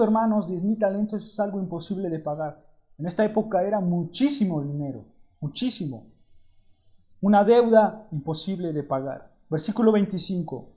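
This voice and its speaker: A man preaching a sermon as pastor, reading scripture aloud and calling his listeners brothers in a measured, emphatic way. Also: high-pitched, dark tone.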